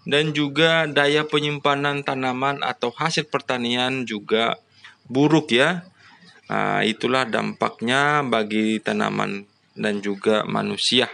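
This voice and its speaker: A man's voice: mid-range voice, fairly even intonation, slow pace, vocal fry, pushed and bright. A man explaining a farming lesson to farmers, with frequent fillers and rhetorical questions. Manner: addresses farmers as "Bapak Ibu", frequent "ya" and "namanya" fillers. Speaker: farming channel host.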